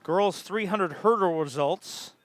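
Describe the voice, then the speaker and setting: A man giving live sports commentary on a track meet, measured and informative, pausing between facts. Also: high voice, no room sound.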